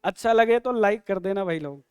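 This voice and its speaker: A man teaching English in a live online exam-prep lesson, quizzing students with quick questions and jokes. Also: sits high, clean tone, dry recording.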